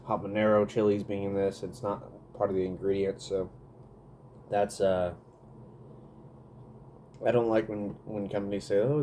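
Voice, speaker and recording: This thirtysomething food vlogger has a mellow voice on the low side. He chats while eating, humming and smacking over each taste, recorded by a webcam on his desk in a small room. There is a slight background noise.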